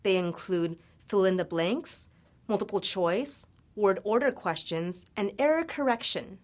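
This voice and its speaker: With a mid-range voice and an unhurried delivery, a woman who grew up in the United States teaches a scripted English grammar lesson. She sounds upbeat and enunciates clearly.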